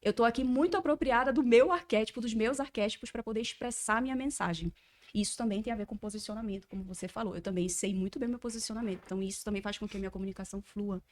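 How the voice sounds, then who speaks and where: A woman's voice: fairly high pitch, fast talker, a little mellow. A woman guest on a podcast, a communication mentor speaking fluently and explaining ideas at length.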